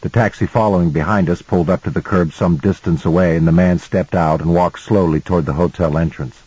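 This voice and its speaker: A man narrating a novel in the first person as an audiobook, in a measured storytelling manner. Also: low voice, fairly even intonation, darkish tone, husky, no echo, low-quality recording.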